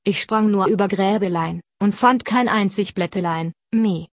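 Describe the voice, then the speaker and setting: A woman's voice: medium pitch, moderate pace, no room sound, clean studio sound, lightly acted. A woman voicing a spiteful, lying goat in a storybook, reciting rhymes that end in bleats. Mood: sing-song. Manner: sing-song rhyming bleats.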